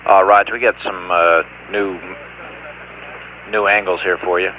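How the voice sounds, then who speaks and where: An American man working as a mission control communicator, calmly reading out figures in a matter-of-fact, procedural way over a radio link. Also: sits low, measured pace. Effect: radio transmission. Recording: dull lo-fi 1970s space radio, faint noise, hum. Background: faint hiss and hum.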